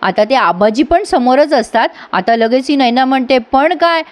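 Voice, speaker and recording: A woman's voice: high-pitched, expressive, moderate pace. A woman giving a voice-over recap of a TV serial episode, retelling the scenes and voicing the characters' lines herself. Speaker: TV serial reviewer. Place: voice-over recording.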